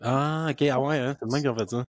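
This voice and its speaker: A man hosts a podcast in casual chat. He is recorded close and dry, with no room sound. His delivery is hesitant and full of fillers, and his pitch sits in the middle. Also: dry recording. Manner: hesitant, many fillers, quick laughs. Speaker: podcast host.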